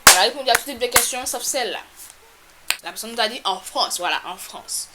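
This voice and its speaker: A woman telling a storytime to her camera in a casual, animated, exasperated way, with sudden loud jumps in pitch. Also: brisk, very noisy. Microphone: camera mic.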